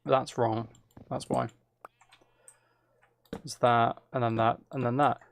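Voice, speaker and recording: A streamer playing a building game talks casually through it in a mid-pitched voice with noticeable fry. He takes it slowly in a level tone, thinking aloud in loose fragments, correcting himself and chatting with viewers.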